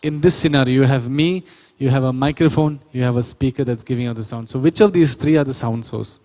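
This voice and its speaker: A man with a mellow, medium-pitched voice talks fairly quickly, his voice carrying a big-room sound. In a church hall or auditorium, he gives an explanatory sound engineering workshop lecture, working step by step, fixing his own slips, and quizzing listeners.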